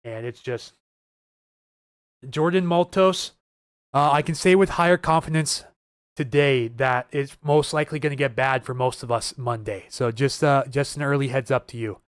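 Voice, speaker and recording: A man's voice: medium pitch, moderate pace, clean tone, no room sound, clean studio sound. A man hosting a live weather stream, talking casually and urgently to viewers, nervous and earnest. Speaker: weather livestream host.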